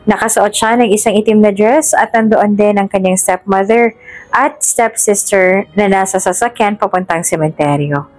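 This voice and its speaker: Woman storyteller reading steady, dry close mic, faint music under. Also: mid-range voice, moderate pace, no room sound. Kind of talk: scripted story narration.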